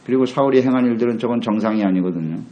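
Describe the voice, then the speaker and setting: A man's voice: medium pitch, rapid-fire, warm tone, highs cut off. Male pastor, sermon, earnest, rhetorical questions, mid-range voice. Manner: earnest, asks the congregation rhetorical questions, acts out quotes. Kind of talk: sermon, Bible meditation.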